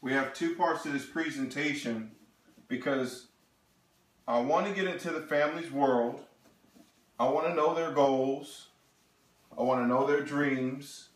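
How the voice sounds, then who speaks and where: Animated man presenting in an echoey room. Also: medium pitch, a little slow, long pauses. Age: 30s. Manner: animated, talks to the audience, frequent "okay?". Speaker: financial presenter. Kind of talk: sales seminar presentation.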